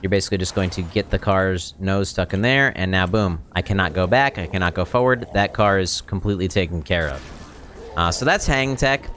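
A man's voice: low-pitched, moderate pace, a bit bright. A man in his thirties giving casual gameplay tips and commentary into a close microphone as a streaming host. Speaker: game streamer and tutorial host. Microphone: close microphone on a boom arm. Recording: close mic with clear background noise.

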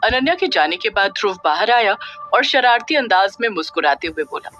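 A woman narrating an episode of a serial story in an expressive voice. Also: mid-range voice, a little fast. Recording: dull lo-fi audio with faint music.

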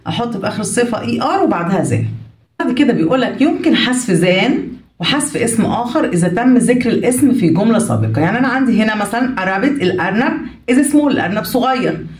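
An Egyptian woman teaches a grammar lesson, patiently asking questions and then answering them herself. Her voice sits on the higher side. The recording is roomy and echoey, with the mic set some distance from her. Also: darkish tone. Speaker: English teacher.

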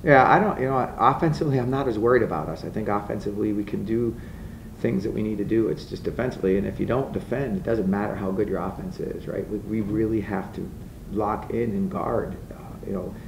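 A man's voice: lowish voice, a little fast, creaky. A middle-aged man, a head coach, answering blunt and matter-of-fact at a postgame press conference at a table mic. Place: press room. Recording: echoey room, from far off, with noise.

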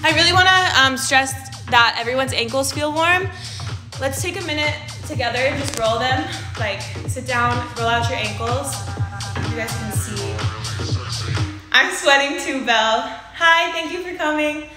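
A woman's voice: high voice, a little slow, over music. A woman teaching a live online dance class, out of breath as she counts out the steps. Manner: upbeat, counting steps aloud. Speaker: dance instructor. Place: indoor room, dancing live. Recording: echoey room.

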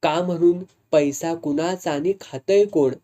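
A woman's voice: deep voice, expressive, moderate pace, warm tone. A woman voicing an angry, demanding younger brother in a read-aloud story. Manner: harsh, demanding.

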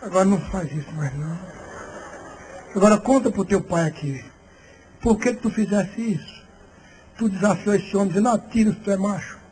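Man doing an old pastor, low, soft and fatherly, gently scolding. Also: a little fast, long pauses, close to an everyday voice, rough recording. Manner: soft, low, tender pleading. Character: gentle elderly male pastor, fatherly and worried.

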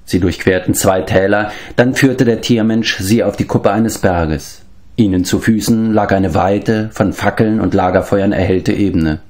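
A man reading a children's fantasy novel aloud as an audiobook, in steady, even storytelling narration. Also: on the low side, unhurried. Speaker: audiobook reader. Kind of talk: scripted narration.

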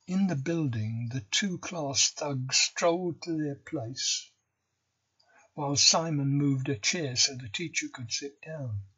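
A man reading a novel chapter aloud for English learners, slow and deliberate. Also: on the high side, pushed and bright, husky, dull audio. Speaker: audiobook reader.

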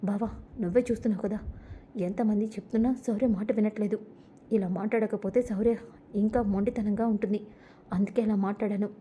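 A woman's voice: mid-range voice, steady tone, fairly quick, warm tone, a little hiss or hum, close to an everyday voice. A woman voicing a young mother in a retold family serial, speaking in an earnest, explaining way. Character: young mother, firm and tender.

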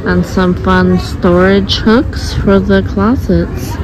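A shopping vlogger walks store aisles with a handheld phone camera, reading out items and prices unhurriedly and chuckling lightly in casual shop-with-me narration. Her voice is medium-pitched and steady, and the background is noisy.

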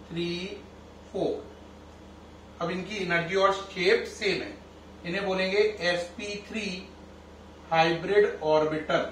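A high-pitched middle-aged man teaching a chemistry class. He addresses his students as children and keeps checking with them through questions. The sound is roomy and picked up from a few steps away. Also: fairly bright tone, slight background noise. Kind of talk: classroom lecture. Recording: echoey room, mic at a distance.

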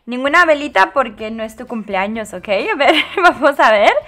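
A woman casually commenting on her gameplay, animated and dramatic, with frequent exclamations and giggles. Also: a little high, moderate pace. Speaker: host.

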